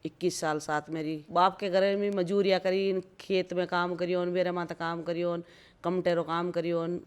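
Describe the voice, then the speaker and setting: A woman's voice: on the low side, flat delivery, normal speed, clear, resonant tone. A woman in her fifties from rural Rajasthan with a Marwari accent, telling her life story plainly as an interview guest, repeating phrases for emphasis. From rural Rajasthan, India. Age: 50s.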